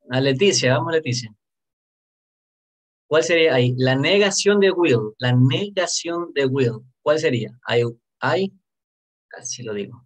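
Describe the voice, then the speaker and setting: Animated, joking male English teacher. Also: on the high side. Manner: animated, joking asides between drills. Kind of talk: classroom lesson.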